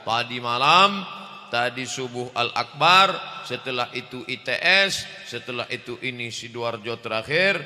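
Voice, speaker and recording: Booming joking preacher, very bright voice. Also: male voice, expressive, a little slow. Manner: loud, booming delivery; joking, acts out little scenes. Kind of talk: humorous sermon to a large congregation. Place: large mosque. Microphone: handheld stage microphone. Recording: echoey mosque hall.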